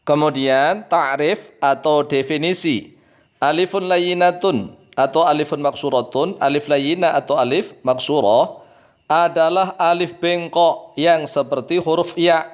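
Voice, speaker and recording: A man teaching Arabic grammar in a religious lesson, repeating key words and drilling their pronunciation. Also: a little high.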